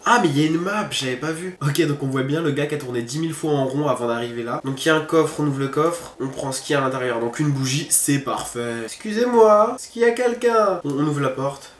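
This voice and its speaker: Quick and nearly pause-free, a medium-pitched man narrates his horror game let's-play casually, musing aloud to viewers. The room echoes noticeably, and faint background noise lingers.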